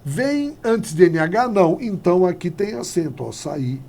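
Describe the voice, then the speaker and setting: A male teacher gives a grammar lecture in a fairly high, husky voice. His delivery swings widely in pitch as he acts out quick dialogues at the board. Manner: lively, animated, acts out little dialogues.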